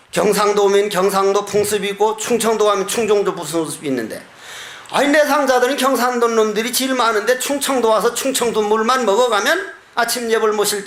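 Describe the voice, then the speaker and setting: A Buddhist monk with a very high voice gives a sermon in an echoey hall. He speaks in a folksy, joking way and chuckles often. He stretches some phrases into slow chants. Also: a bit bright. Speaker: Buddhist monk giving a dharma talk.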